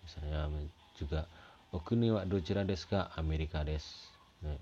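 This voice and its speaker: A man's voice: a bass voice, normal speed, mellow. A man teaching a recorded language lesson, explaining patiently and repeating each point with casual fillers. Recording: slightly dull audio with faint noise.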